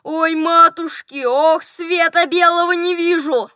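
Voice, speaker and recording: A woman voicing an irate old male general with toothache, loud and blustering in a storybook reading. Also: extremely high pitch, steady tone, takes it slowly, no room sound, clean studio sound, heavily acted. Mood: groaning.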